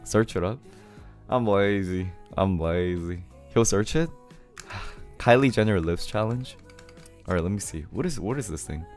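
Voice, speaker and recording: A man in his twenties from Korea, hoarse from singing, chatting casually on a live stream and greeting viewers one by one. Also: deep voice, measured pace, soft background music. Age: 20s. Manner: laid-back, greets viewers one by one, laughs often. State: hoarse from singing too loud. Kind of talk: casual live stream chat, reading viewer messages aloud. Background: his favorite song playing softly.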